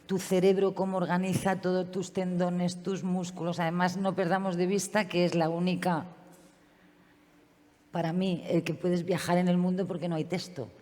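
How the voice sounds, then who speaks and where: Lively woman in her fifties. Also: fairly low pitch, moderate pace. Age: 50s. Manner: colloquial, lively storytelling. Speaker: panelist and former ballet director. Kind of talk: casual panel talk. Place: museum venue at a political convention. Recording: long hall reverb.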